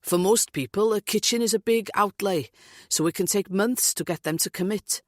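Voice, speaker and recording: A woman's voice: mid-range voice, normal speed, no echo, voice pushed up, close to an everyday voice. A woman voicing a blunt, jokey middle-aged Welsh man who grumbles, in a dry close recording. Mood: grumbling.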